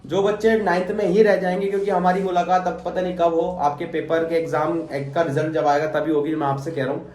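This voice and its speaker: A man's voice: a little high, flat delivery, brisk, darkish tone. Encouraging male math teacher in echoey classroom. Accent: Delhi Hindi. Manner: encouraging, conversational. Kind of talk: classroom pep talk. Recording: roomy classroom echo.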